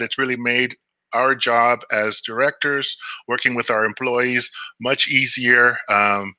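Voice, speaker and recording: A man with a very bright, forward voice offers thanks at a meeting, quick and a little halting as he restarts sentences. The sound is close and dry. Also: mid-range voice, no room sound. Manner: brisk, with fillers and restarts. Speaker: school district director. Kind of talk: formal thank-you remarks.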